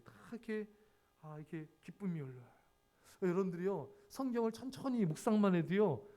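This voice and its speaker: A man's voice: high voice, mellow. A man preaching a sermon as pastor, earnest and repetitive, often calling out to his congregation. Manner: earnest, repeats key words, addresses congregation often. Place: church sanctuary.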